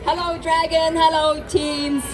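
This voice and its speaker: A woman from Hong Kong addresses a festival crowd through a microphone outdoors. Her voice sits fairly high, formal and upbeat. A busy crowd hums around her. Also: little pitch movement, measured pace, loud music behind the voice. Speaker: festival speaker and trade office director. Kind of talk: public welcome speech. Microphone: handheld microphone over a PA. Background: crowd noise.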